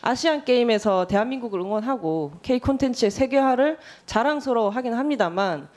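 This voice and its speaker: A woman in her thirties, a lawmaker, questioning a nominee in a formal hearing room in a measured, pointed and direct way. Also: fairly high pitch, expressive, a little mellow. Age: 30s.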